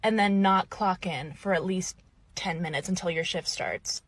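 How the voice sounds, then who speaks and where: A woman's voice: lowish voice, normal speed, slightly rough, dry recording. A woman playing a workplace figure in a tense dispute, in a scripted comedy skit. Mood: insistent.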